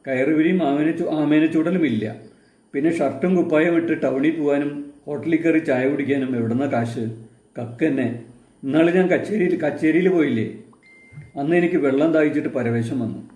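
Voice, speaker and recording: A man's voice: fairly high pitch, brisk, dark tone, lightly acted. A man voicing a stern, proud older grandfather with a curt, scornful manner, in a roomy-sounding room. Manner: curt, scornful storyteller's reading. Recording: roomy echo.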